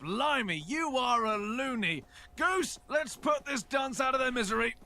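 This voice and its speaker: A man's voice: very high-pitched, expressive, a little slow, pushed and bright, exaggerated voice. A man playing an officious, blustering British guard in a video game. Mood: alarmed bluster. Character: jumpy, officious British guard challenging intruders. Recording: game audio with noisy background.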